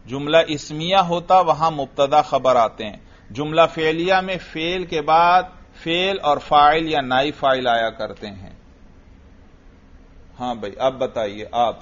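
A man's voice: a little high, a bit bright. A man teaching Arabic grammar, patiently quizzing a student and repeating each answer back. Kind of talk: patient classroom drilling. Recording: lo-fi recording.

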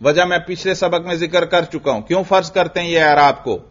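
A man teaching an Arabic grammar lesson, asking his students questions, answering them himself, and drawing out the example words slowly. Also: on the high side, a bit bright. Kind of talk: classroom lesson. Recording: dull lo-fi recording.

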